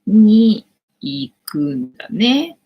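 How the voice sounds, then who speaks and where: A woman's voice: medium pitch, big pitch swings, drawn-out words, lo-fi sound. A woman in her late forties hosting a casual livestream from home, rambling chattily with lots of fillers. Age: late 40s. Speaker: livestream host.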